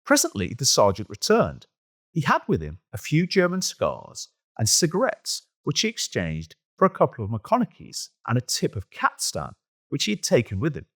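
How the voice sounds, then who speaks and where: Brief: male podcast host, dramatic reader, wide-ranging pitch. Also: moderate pace. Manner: expressive storytelling reader. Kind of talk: reading a historical account aloud.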